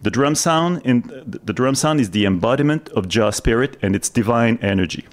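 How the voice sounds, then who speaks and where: A man's voice: mid-range voice, expressive, normal speed. A man hosting a live radio show, explaining his subject earnestly in a semi-scripted narration. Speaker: radio host.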